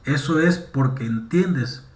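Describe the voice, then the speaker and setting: A male pastor delivering a sermon at a mid-range pitch, checking in with his listeners with short questions and affirmations between points. The voice rings out in an echoey room. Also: slow, darkish tone. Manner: preaching with frequent "amén" and "¿sí?" to the congregation.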